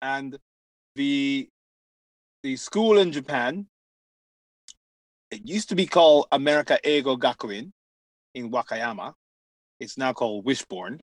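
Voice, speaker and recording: A man from Jamaica, an author being interviewed, telling his story in a lively, chatty way with plenty of fillers. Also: medium pitch, measured pace, long pauses, dry recording, rough recording. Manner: animated storyteller with frequent laughs and fillers. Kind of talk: casual conversational interview.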